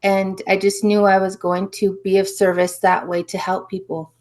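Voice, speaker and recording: A woman from New Mexico speaks as a podcast guest, recounting her life story. She sounds earnest and reflective, with a mid-range voice that often trails off softly. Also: medium pitch, little pitch movement, moderate pace. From New Mexico, USA. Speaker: guest, spiritual healer. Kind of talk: casual interview storytelling.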